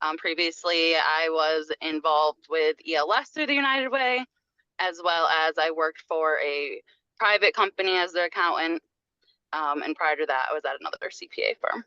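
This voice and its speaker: A woman's voice: low voice, normal speed, pushed and bright, smooth, no echo. A woman introducing herself on a video meeting over a car speakerphone while driving. She speaks hesitantly and restarts with ums. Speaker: senior accountant and new board member. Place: in a moving car. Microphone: phone on a video call, camera off. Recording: dull lo-fi call audio from a car.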